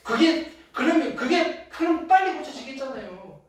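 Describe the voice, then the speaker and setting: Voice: normal speed, distant mic. Emphatic teacher in echoey classroom. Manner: emphatic, keeps asking "됐나요?" and "알겠어요?"; lively, loud bursts then drops low. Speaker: high school math teacher. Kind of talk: classroom lecture.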